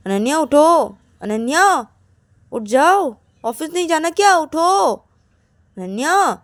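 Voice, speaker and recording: A woman's voice: fairly high pitch, moderate pace, mellow, no room sound, natural voice. A woman storyteller voicing a young woman who teases and scolds her partner, in a close, dry recording. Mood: teasing. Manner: teasing, scolding, then coaxing. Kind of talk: storyteller acting out dialogue.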